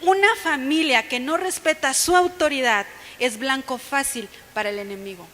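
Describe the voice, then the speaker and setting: A woman with a Mexican accent preaches a sermon, telling stories in a conversational way. Her voice is high and bright. It carries a long reverb from a church hall. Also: slight background noise. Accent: Mexican Spanish. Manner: conversational, storytelling, quoting others with lively put-on voices. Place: church sanctuary.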